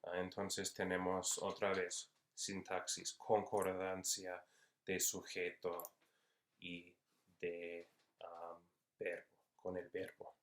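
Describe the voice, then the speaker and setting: A man giving an unscripted university lecture, slow and hesitant with many fillers. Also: sits low, completely flat delivery, fairly bright tone. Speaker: university Spanish instructor.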